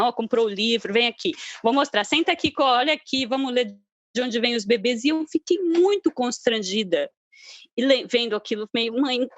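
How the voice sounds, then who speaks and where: A woman's voice: high-pitched, dry recording, lo-fi sound. A woman journalist chatting on a podcast and telling a candid, self-mocking story. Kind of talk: casual podcast chat.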